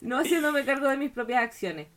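A woman's voice: sits high, lively intonation, brisk, fairly bright tone. A young woman with a Chilean accent, co-hosting a casual chat and teasing her friend in a chatty, laughing way. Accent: Chilean Spanish. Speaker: podcast co-host.

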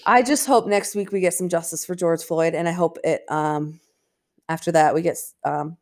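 A woman with a fairly low voice chats casually as a podcast co-host. She is informal and self-deprecating, and she has trouble pronouncing her R's. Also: steady tone, moderate pace, darkish tone. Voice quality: trouble saying R sounds.

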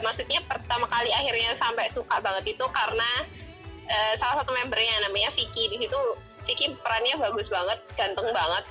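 A woman's voice: on the high side, rough recording. A woman from Malang co-hosting a radio show, bubbly and gushing as she chats. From Malang, East Java. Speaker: radio co-host. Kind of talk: casual radio chat.

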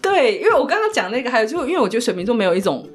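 A woman's voice: on the high side, sing-song, rapid-fire, slightly rough. A woman hosting a casual chat podcast who chats freely and gives examples from her friends. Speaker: podcast host.

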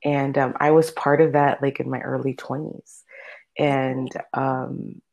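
A native Spanish-speaking opera soloist in her thirties chats informally as an interview guest, telling stories casually. Her voice is extremely low, gravelly, and darkish, delivered in a level tone at a slightly slow pace.

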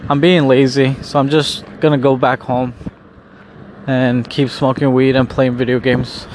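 A man who is high on weed, rambling casually in a spaced-out stoner manner, as in a video diary. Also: little pitch movement, a little mellow, a little hiss or hum. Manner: slow, spaced-out stoner drawl. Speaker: vlogger.

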